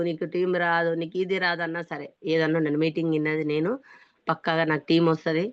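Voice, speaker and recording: A woman's voice: deep voice, smooth, dry recording. A woman with a Telangana accent gives a motivational business testimony in an earnest, emphatic way. She often stresses her own sincerity. The recording is dry and dull, with a lo-fi muffled tone. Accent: Telangana Telugu. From Hyderabad, India.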